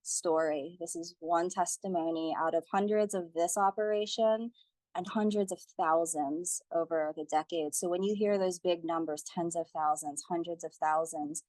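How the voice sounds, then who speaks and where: A young woman presenting at a community teach-in, her voice sitting a little low. She talks earnestly and evenly, reading through figures and a written account with care. The sound is dry and close, with no room around it. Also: moderate pace, no echo. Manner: earnest, steady, reads statistics and a testimony aloud.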